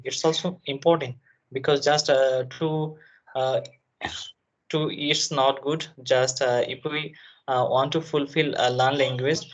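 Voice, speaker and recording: A man from Bangladesh, a nursing student, speaking haltingly and searching for words in a conversation practice call. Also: medium pitch. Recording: dull lo-fi sound.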